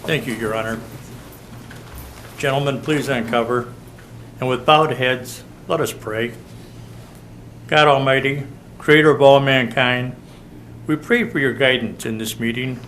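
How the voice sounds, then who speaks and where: Man, chaplain, solemn and measured, faint room noise. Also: mid-range voice, a bit bright. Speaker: city chaplain. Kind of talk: leading prayer and pledge. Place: council chamber.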